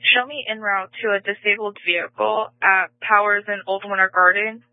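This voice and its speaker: A woman's voice: mid-range voice, fairly even intonation, normal speed, no room sound. A woman reporting in over a police radio transmission, matter-of-fact and procedural. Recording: tinny, dry scanner radio audio.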